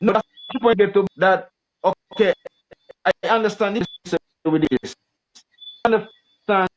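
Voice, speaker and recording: A man talks over a video call whose audio keeps breaking up. He speaks very slowly in a somewhat high voice, pausing and restarting as he feels for his words. The sound comes through a muffled, lo-fi line. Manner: halting, hesitant, searching for words. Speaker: call-in guest. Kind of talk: political discussion.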